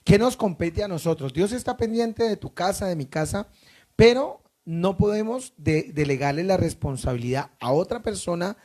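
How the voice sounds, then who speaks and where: Pastor enfático que predica. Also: male voice, high-pitched, lively intonation, a little mellow. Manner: emphatic preaching with pauses, asks the congregation questions. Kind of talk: preaching.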